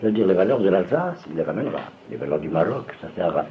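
A man's voice: deep voice, very animated, fast talker, a crowd in the background. An older man giving a rambling religious lecture to an audience, often stopping to ask if they follow. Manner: digressive, keeps checking if listeners follow. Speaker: religious teacher. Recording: dull lo-fi recording with faint room noise.

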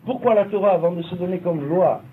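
A man's voice: sits high, fast. A man teaching a Talmud class, explaining at length and often checking that his students follow. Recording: tinny lo-fi recording with faint noise.

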